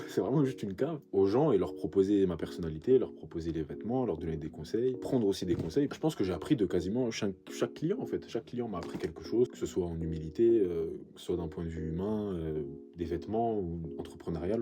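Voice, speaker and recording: Young guy vlogging, slangy and rambling, talks fast, lowish voice, music behind. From France. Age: 20s. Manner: slangy, rambling, self-mocking. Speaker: clothing shop owner, vlogger. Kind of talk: casual vlog talk and banter.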